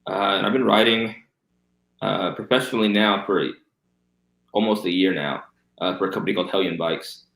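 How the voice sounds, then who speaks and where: A man's voice: low voice, steady tone, moderate pace, gravelly, pauses often, fairly bright tone. A man of thirty with missing front teeth, chatting casually as an interview guest. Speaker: guest, professional BMX stunt rider and reptile keeper. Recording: roomy echo.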